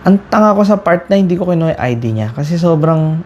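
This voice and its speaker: A man's voice: a little high, quick pace, highs cut off, slight background noise. A man casually telling a story to his viewers as a cycling vlogger. He talks animatedly and often restarts his sentences, and sounds exasperated about a bike crash. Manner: animated retelling with frequent restarts.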